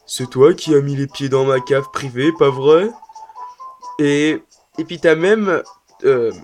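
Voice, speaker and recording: A man's voice: mid-range voice, takes it slowly, darkish tone, faint music behind, natural voice. A man doing a grumpy accusing Hippopotas. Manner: accusing, drawn out. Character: grumpy Hippopotas creature guarding its cave. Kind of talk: let's play voice acting.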